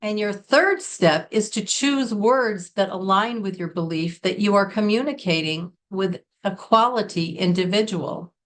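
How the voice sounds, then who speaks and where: A middle-aged woman from Connecticut, in the United States, gives a scripted business English lesson to camera, sincere and carefully paced. Her pitch is ordinary and mid-range, she stresses key words as she explains, and she speaks a little slowly with few pauses.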